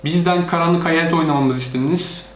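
On his gaming channel, a parent plays along with his child in a casual let's-play, narrating every move for viewers. His voice runs on the high side and a little fast. The recording picks up an echoey room and faint background noise.

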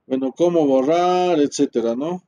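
A man's voice: a little high, moderate pace, dark tone. A man teaching networking in a screen-recorded tutorial, thinking aloud, muttering, and tagging his sentences with questions to the class. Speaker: networking instructor.

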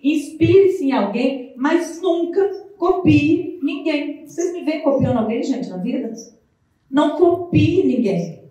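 A Brazilian woman from Minas Gerais with a Mineiro accent, giving an animated, chatty motivational talk as a nutritionist, with playful asides. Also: high voice, slow pace. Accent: Mineiro Brazilian Portuguese. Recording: very echoey room, voice far from the mic.

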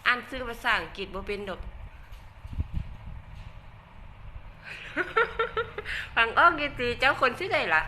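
Older Isan-accented woman for a casual livestream; bright, tense voice, a bit high, chatty and self-mocking. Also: sing-song, racing, hardly any pauses, slight background noise. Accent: Isan Thai. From Northeast Thailand. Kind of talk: casual livestream chat reading comments.

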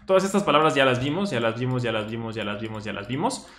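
A man who stutters now and then, explaining a study deck in a relaxed, thinking-aloud way. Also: mid-range voice, fast. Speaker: language teacher reviewing a study deck. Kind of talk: casual explanatory commentary. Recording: roomy echo.

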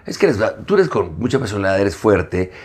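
A man hosts a personal interview in a somewhat low voice. He talks fast, presses his guest with probing questions, and restarts his phrasing as he goes. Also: very animated, a little mellow. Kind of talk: conversational interview.

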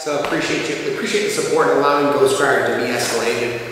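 A man's voice: medium pitch, steady tone, fast talker. A man in his thirties hosting a paranormal investigation, talking earnestly to viewers with many fillers. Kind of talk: casual ghost-hunt talk to viewers. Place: old church hall, indoors. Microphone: far camera. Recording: echoey hall from far off, noisy.

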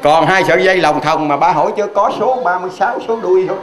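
A man's voice: high voice, fast talker, a faint crowd. A man with a Southern Vietnamese accent preaching a folksy storytelling sermon, chatting with the audience and asking them rhetorical questions. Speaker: Hoa Hao Buddhist preacher.

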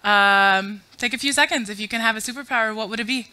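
A woman in her thirties, originally from Afghanistan, speaks into a podium mic at a conference, giving a chatty, self-deprecating talk to a full room and running audience polls. Her voice is a little high, quick, bright and forceful. The recording has no echo but poor audio quality.

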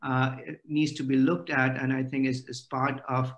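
A man's voice: mid-range voice, flat delivery, normal speed, muffled recording. A middle-aged man giving an academic lecture over a video call, with many "uh" fillers.

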